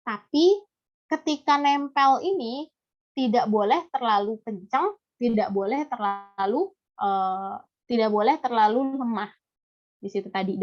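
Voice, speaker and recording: An Indonesian woman teaching a recitation lesson in a halting, explanatory way, with a slight impediment on her rolled r. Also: a little high. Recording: dull, lo-fi audio.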